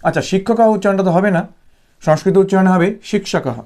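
A man from West Bengal teaching a Sanskrit grammar lesson for exams. He explains patiently and repeats points, with many "ah" fillers, and slows down to spell out example sentences. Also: high voice, fairly even intonation, a little mellow. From West Bengal, India. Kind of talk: exam-prep grammar lesson.

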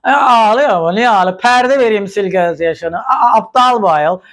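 A woman putting on the voice of a brash, tipsy-sounding woman who mocks a crying guest, shrill and slurring. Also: normal speed, lightly acted. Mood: mocking.

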